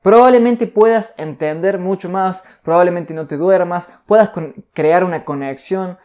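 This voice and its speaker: Mellow-voiced man teaching. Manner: deliberate, shifts pace and pitch to demonstrate. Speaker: communication course instructor. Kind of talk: recorded online course lesson.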